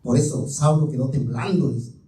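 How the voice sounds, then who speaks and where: A man's voice: mid-range voice, moderate pace, mellow. A man preaching a sermon in a church, telling a story with fervent, dramatic emphasis. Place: church sanctuary. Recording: echoey room, mic far off.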